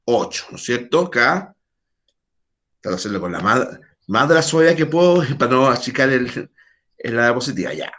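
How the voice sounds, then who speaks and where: A man's voice: mid-range voice, sing-song, moderate pace, a bit bright. A man teaching a math class over a video call, quizzing his students and making chatty asides.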